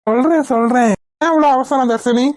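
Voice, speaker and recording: A woman's voice: high voice, fairly quick, darkish tone, no room sound, studio quality, close to an everyday voice. A woman voicing a friendly, hesitant male doctor in a cartoon, evasive and polite. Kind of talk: cartoon voice acting.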